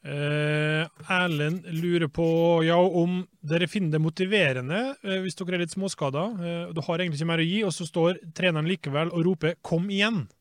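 Podcast host dude reading out listener questions, lighter voice, dry sound. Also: male voice, fairly high pitch, steady tone, no echo. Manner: brisk, relays questions plainly. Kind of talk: casual podcast hosting.

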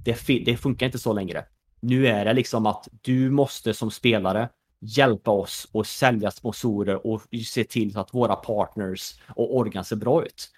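A husky, fairly low-pitched voice with fairly even intonation belongs to a Swedish man in his thirties. Formerly a professional gamer and now an esports executive, he chats on a podcast with lots of fillers and "you know" asides.

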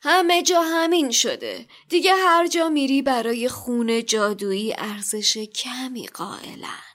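A woman voicing an obsequious old male shopkeeper in a dark-magic shop, with a smooth oily manner. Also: very high-pitched, expressive, voice pushed up.

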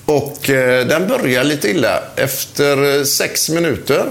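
A man's voice: on the high side, animated, vocal fry, a bit bright. An older man, a former footballer, telling a chatty anecdote about an old match, often laughing as he speaks. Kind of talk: anecdotal storytelling.

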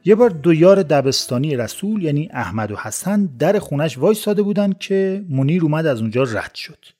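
A man narrating a story on a podcast in a lively, colloquial, dramatic way. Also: a little high, faint music behind.

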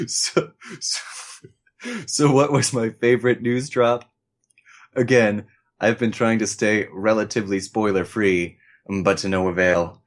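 A man's voice: lowish voice, fairly even intonation, takes it slowly, pauses often. A man co-hosting a podcast, reading a listener's mail aloud in a playful, jokey way. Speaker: podcast co-host.

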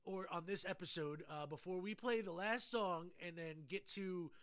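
A podcast host with a high-sitting voice rambles through casual banter, joking and swearing freely in a jokey, profane manner. He speaks at a moderate pace against a noisy background.

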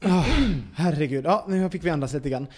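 A man's voice: a little high, loud music behind the voice. A man hosting a casual podcast chat, reacting expressively and asking questions. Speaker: podcast host.

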